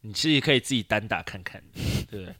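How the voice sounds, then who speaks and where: A man's voice: lowish voice, animated, fast talker, pushed and bright, no echo. A young man, co-hosting a podcast with teasing, dry comebacks. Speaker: podcast co-host. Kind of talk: casual chat about basketball.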